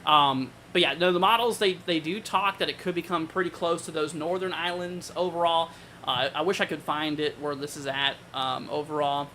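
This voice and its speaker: Bright, higher-voiced man giving casual weather commentary. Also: fairly even intonation, moderate pace, slight background noise, low-quality recording. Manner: informal, conversational, thinking aloud. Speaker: weather livestream host.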